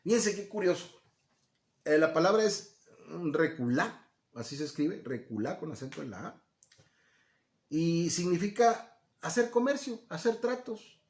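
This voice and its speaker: A man's voice: a little high, expressive, measured pace. A man teaching from the Bible in a conversational way, often checking in with listeners and acting out quoted voices. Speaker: preacher. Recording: echoey room.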